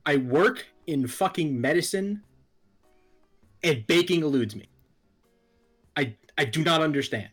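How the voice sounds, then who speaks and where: A man's voice: a little high, animated, a little slow, pauses often, fairly bright tone, husky, soft background music. A man co-hosting a casual chat who swears freely and makes fun of himself. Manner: swears freely, self-mocking. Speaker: podcast co-host.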